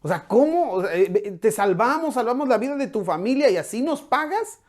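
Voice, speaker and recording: A man doing an exasperated commander, high-pitched. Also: big pitch swings. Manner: indignant, pleading rapid outburst. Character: exasperated male army commander scolding his king.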